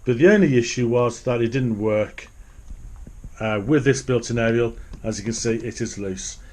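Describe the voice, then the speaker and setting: In a small home office, a middle-aged hobbyist presents a radio repair video, giving casual, unscripted hands-on commentary and partly muttering to himself as he works. His voice is mid-range and darkish, at normal speed.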